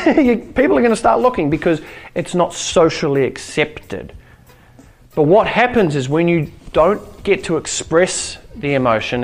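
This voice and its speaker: A man giving a casual motivational self-help talk who keeps checking in with the listener by asking "right?" and "okay?". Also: fairly high pitch.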